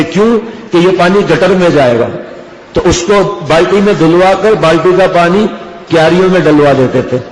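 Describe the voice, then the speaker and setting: A man preaching an Urdu sermon, earnest and exhorting, slowing down to chant quoted verses. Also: on the high side, a little hiss or hum. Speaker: religious preacher. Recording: echoey hall with long reverb.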